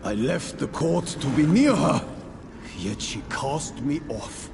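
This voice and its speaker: Creaking, anguished ghost of a squire. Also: male voice, a little high, very animated, heavily acted. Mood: sorrowful. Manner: anguished, halting, pleading delivery. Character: tormented remorseful ghost of a male squire, pleading. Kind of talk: dramatic video game voice acting. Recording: long ghostly reverb, noisy ambience.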